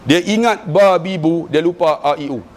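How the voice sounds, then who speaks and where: A middle-aged man with a Malaysian Malay accent giving a humorous religious lecture, telling animated stories and slipping into slow chanted recitation. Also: fairly high pitch. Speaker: preacher.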